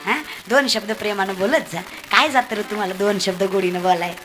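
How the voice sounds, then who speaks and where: A woman's voice: medium pitch, a little fast, over music. A woman preaching a humorous devotional sermon on a stage, teasing her listeners and acting out the people in her tales. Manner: lively, teasing the audience, acts out characters in the tale. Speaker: kirtan preacher.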